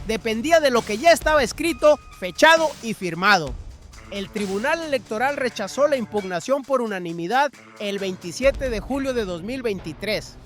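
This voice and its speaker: A man with a very high voice reads a scripted news narration. He delivers it dramatically, leaning hard on key words. Faint music plays under him. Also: a bit bright.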